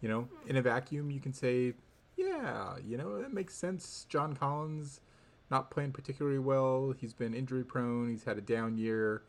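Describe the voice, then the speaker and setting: A man co-hosting a sports podcast, giving casual analysis in halting, thoughtful phrases. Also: medium pitch, expressive.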